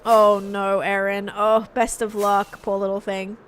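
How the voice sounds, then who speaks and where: A young woman streaming a game live, chatting casually, answering her chat and getting excited over finds. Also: medium pitch, a little slow, slight background noise.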